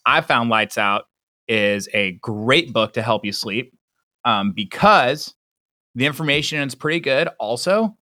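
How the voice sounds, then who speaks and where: A laid-back man chatting on a podcast, tossing out wisecracks and casual swearing. His voice is bright and forward, recorded dry and close with no room around it. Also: mid-range voice, animated, measured pace, no room sound. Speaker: podcast co-host. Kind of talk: casual chat.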